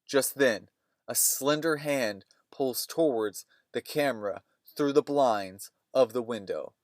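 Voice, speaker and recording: A man's voice: medium pitch, takes it slowly, no echo, clean studio sound. A man hosting a movie podcast, retelling scenes in a rambling, opinionated way. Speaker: podcast host.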